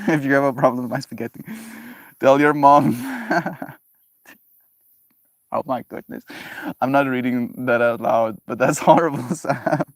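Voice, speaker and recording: A man talking casually to his livestream audience in an animated, joking way and laughing often. His voice sits in an ordinary middle range. The sound is close and dry, with no room echo. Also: medium pitch. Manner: animated, laughs often, talks back to chat. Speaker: livestream host reading chat.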